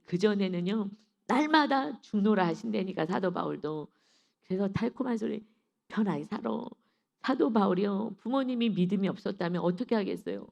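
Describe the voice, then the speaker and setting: A woman pastor delivers an early-morning sermon with a gravelly edge to her mid-range voice. She preaches emphatically and asks the congregation rhetorical questions. She briefly takes on other people's voices when quoting them. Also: medium pitch, dark tone, muffled recording. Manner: acts out quoted speech of everyday people.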